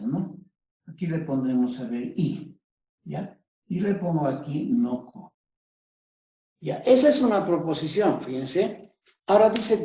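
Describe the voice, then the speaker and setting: A man teaching a math class, working through each step and often asking his students whether they follow. His voice is fairly high and mellow, with lively rises and falls. He sounds distant, as if heard from across a very echoey classroom. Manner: explains step by step, constantly checking with tag questions. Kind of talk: classroom lecture at a board. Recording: very echoey room, voice from far off the mic.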